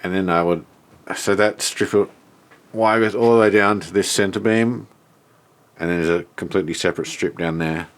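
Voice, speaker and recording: A low-voiced man with an Australian accent and a congested, nasal sound casually narrates a tour of his homemade shed, working out his thoughts as he speaks. He talks at a normal speed with fairly even intonation.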